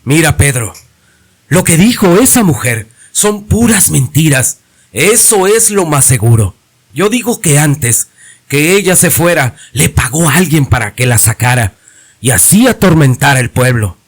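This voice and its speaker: A cautious, weary village priest, as a man reads him out in a horror tale. He speaks slowly and calmly, reasoning with care. His pitch sits a little high and moves a lot. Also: heavily acted. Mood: grave.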